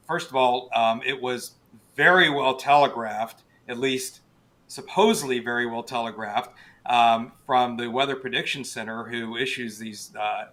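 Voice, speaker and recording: A man speaking as an interview guest and weather expert, explaining conversationally in a halting way with emphatic stresses. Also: medium pitch, a bit bright. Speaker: guest, television chief meteorologist.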